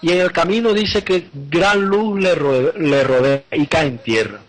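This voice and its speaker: A man's voice: on the high side, unhurried, rough recording. A man preaching a live sermon, earnestly retelling scripture and often repeating and restarting his phrases.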